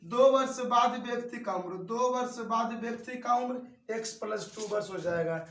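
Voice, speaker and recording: This math teacher is a man in his twenties whose voice is strikingly high with a fairly bright tone. Speaking at a moderate pace, he goes over each step again and again and quizzes his students as he teaches the class. The mic sits far from him in a large, echoing room.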